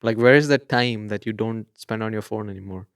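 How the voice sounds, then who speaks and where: A young man co-hosts a podcast in easygoing chat. His voice sits a little low. He keeps asking questions and laughs easily, recorded dry on a close mic. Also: fairly quick, smooth, no room sound. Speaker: podcast co-host. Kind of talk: casual chat.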